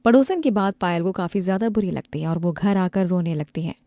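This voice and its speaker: Mellow woman narrating a cartoon story. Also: lowish voice, lively intonation, brisk, no echo.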